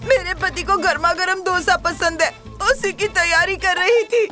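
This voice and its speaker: A tearful young wife cast out. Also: female voice, very high-pitched, moderate pace, bright, forceful tone, faint music behind. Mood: tearful pleading. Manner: tearful, pleading. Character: distressed young wife thrown out of her home. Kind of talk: Hindi film dub.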